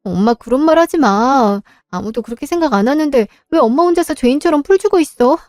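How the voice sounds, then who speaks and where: A woman's voice: sits high, expressive, a little fast, no room sound, clean studio sound, soft background music. A woman voicing a young wife and daughter who speaks in an emotional, heartfelt way. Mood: encouraging. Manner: bright, emotional, pleading. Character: young wife caring for her sick mother, tearful and grateful.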